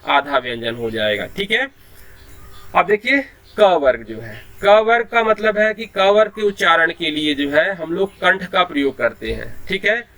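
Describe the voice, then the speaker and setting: A man's voice: on the high side, animated, normal speed, bright, forceful tone. A man teaching Hindi in an online class, explaining patiently and sounding out letters one by one, with a habit of repeating a filler phrase.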